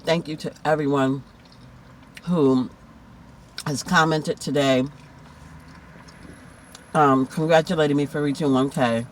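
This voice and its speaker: A man's voice: a little high, steady tone, takes it slowly, long pauses, slight background noise. A man chatting casually in a food mukbang vlog, heartfelt and talkative, lingering over each item. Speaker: food vlogger.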